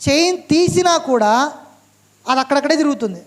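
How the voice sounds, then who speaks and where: A man preaching a sermon, stressing each point and asking his listeners "right?" again and again, reading scripture slowly. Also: very high-pitched, animated. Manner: slow, emphatic scripture reading.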